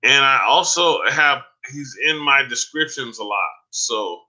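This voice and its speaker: At a measured pace and in a low-quality recording, a man on a casual live stream rambles to his viewers, naming them directly and ending lines with "man" amid lots of fillers. He has a mid-range pitch, a very bright, tense voice, and growing hoarseness from being on air so long.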